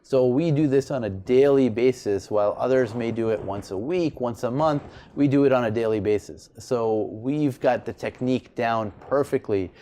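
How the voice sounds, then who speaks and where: Male surgeon, average pitch, explanatory interview delivery, light background noise. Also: moderate pace, few pauses. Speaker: oral surgeon being interviewed. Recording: steady background ambient noise.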